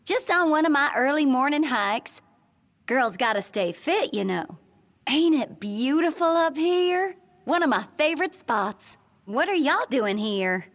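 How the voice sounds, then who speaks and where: Cindy, perky Southern country gal. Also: female voice, high-pitched, sing-song, measured pace. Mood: cheerful, surprised. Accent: American Southern. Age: young adult. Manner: folksy, breezy, friendly drawl. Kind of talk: video game cutscene acting.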